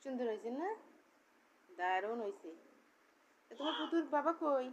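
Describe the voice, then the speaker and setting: A woman, chatting with a toddler in sing-song baby talk and asking gentle question after question. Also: high-pitched, animated, normal speed. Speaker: parent talking with a small child. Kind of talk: home video, chatting with a toddler. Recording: dull lo-fi home recording with faint noise.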